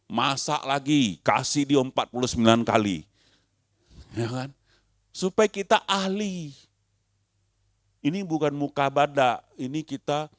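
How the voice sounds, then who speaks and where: A man's voice: mid-range voice, no room sound, studio quality. A male pastor preaching a sermon, asking rhetorical questions and acting out the people he quotes.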